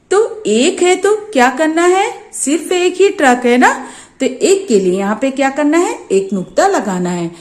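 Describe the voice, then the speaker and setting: Woman teacher, Urdu-medium Maharashtra accent, high and very lively, patient question-and-answer delivery for small children. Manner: slow, sing-song questions answered by herself. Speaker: primary school teacher. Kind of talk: teaching a first-grade maths lesson.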